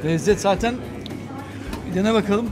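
A man's voice: high voice, normal speed, over music. A middle-aged man, a restaurant owner, proudly describing his food in an interview. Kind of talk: interview answers. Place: restaurant kitchen by the grill.

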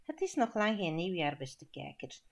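A woman's voice: lowish voice, sing-song, normal speed, creaky. A Flemish woman reading an audiobook, voicing a chatty male weatherman who talks straight to his viewers. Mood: breezy. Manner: breezy, addressing viewers.

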